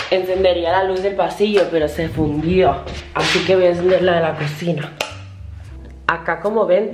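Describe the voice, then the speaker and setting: Her voice is medium in pitch with a darkish tone, and the room sounds echoey. She's a twenty-something vlogger shooting a self-mocking parody vlog on a handheld camera at arm's length, in the kitchen and bedroom of her small apartment.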